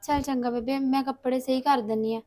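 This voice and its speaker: A young actress playing a gentle, dutiful stepdaughter, speaking softly and pleadingly with a Punjabi accent. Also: female voice, high voice, steady tone, brisk, close to an everyday voice. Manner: soft, pleading, obliging.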